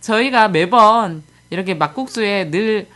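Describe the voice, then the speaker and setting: A woman's voice: medium pitch, lively intonation, unhurried, fairly bright tone. A woman hosting a casual talk show, joking and blunt in the way she speaks. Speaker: host. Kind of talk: casual chat.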